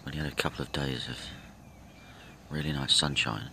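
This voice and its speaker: Low-voiced man rambling outdoors by a lake. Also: vocal fry, slight background noise. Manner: relaxed, rambling, thinking aloud with pauses. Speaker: angler filming his fishing trip. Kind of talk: casual self-filmed commentary. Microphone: handheld camera from behind the lens. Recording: outdoor ambience with nature sounds.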